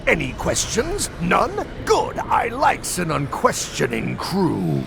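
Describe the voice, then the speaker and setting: A man voicing a menacing, grandiose undead pirate captain in a video game, gravelly and commanding, speaking in pirate dialect. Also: high-pitched, wildly swooping pitch, slow pace, background noise, exaggerated voice.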